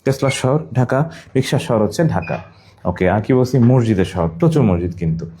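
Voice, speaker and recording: A man's voice: medium pitch, animated, moderate pace, dark tone, slight background noise. A man from Bangladesh teaching a general knowledge class, repeating each item over and over and telling students to write down memory tricks. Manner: asks students questions and tells them to write things down.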